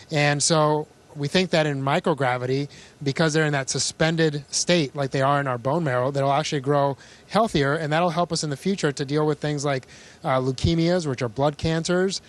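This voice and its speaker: A man speaking as an astronaut, answering questions informally and explaining things in plain words. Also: fairly high pitch. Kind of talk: answering questions in a live link-up.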